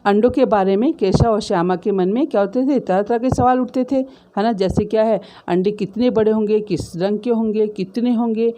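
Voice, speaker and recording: A woman teacher walks her class through a story, retelling each line in simpler words and checking in with little tag questions. Her voice is mellow and soft-edged, never sharp, and her pitch sits in an ordinary middle range. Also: fairly quick, few pauses. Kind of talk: explaining a story in a school lesson.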